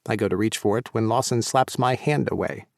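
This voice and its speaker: A man narrating a first-person romance audiobook in a warm, light storytelling delivery. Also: lowish voice, fairly quick, vocal fry, dry recording, clean studio sound.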